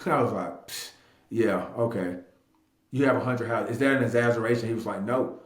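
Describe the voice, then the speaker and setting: Speaking at a normal pace in a lowish voice, this roughly thirty-year-old man is a real estate agent and investor being interviewed. He recounts personal stories in a lively, casual way, stressing points, repeating himself and performing snippets of dialogue, all in an echoey room.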